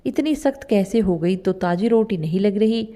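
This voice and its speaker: A woman voicing a stern, quick-tempered elderly father in a spoken storybook tale. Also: medium pitch, animated, warm tone, close to an everyday voice. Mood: concerned. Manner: stern, scolding lines.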